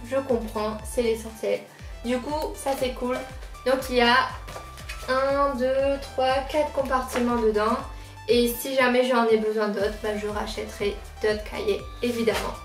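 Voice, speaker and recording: Woman, 20s, from La Réunion, casual haul vlog, chatty and gushing, somewhat high voice, distant mic. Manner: chatty, keeps repeating how much she likes things. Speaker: lifestyle vlogger. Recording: roomy sound, mic at a distance, faint background music.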